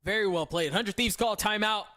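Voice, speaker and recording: A man giving live esports play-by-play as a caster, in a delivery built for excited calls. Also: medium pitch, fairly quick. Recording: game gunfire and clicks behind voice.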